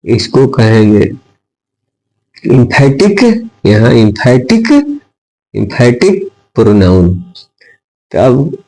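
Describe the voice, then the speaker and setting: A man's voice: medium pitch, darkish tone, rough recording. A male teacher giving a grammar lesson, who keeps asking and answering his own questions and slips between example sentences and explanation.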